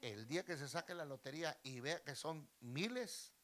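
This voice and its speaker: A man's voice: on the high side, animated, normal speed, a bit bright. A man, a pastor preaching a sermon with fervor and often addressing listeners as brother. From Mexico.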